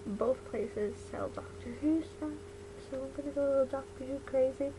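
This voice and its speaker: A young woman with a fairly high voice chats casually in a bedroom vlog. Her words are slightly impeded by the retainer in her mouth, and she rambles informally. The webcam recording has clear background noise. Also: moderate pace. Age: young adult. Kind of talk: casual vlog chat to camera. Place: bedroom at home.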